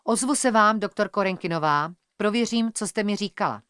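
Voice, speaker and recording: A woman's voice: medium pitch, fairly bright tone, smooth, no echo, studio quality, voice pushed up, lightly acted. Woman reading a doubtful police constable. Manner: doubtful, businesslike questioning. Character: skeptical male police constable, middle-aged.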